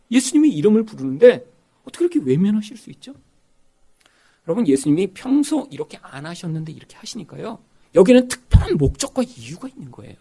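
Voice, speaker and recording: A middle-aged male pastor preaching a sermon, asking the congregation rhetorical questions and acting out quoted voices. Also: extremely high pitch.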